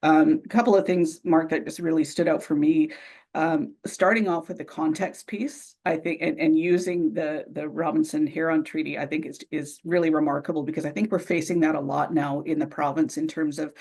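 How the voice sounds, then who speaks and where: Panel moderator, female, gravelly and narrow-ranged, appreciative tone, lots of "um". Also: low voice, fairly even intonation. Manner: warm, appreciative, halting with fillers. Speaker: forum moderator.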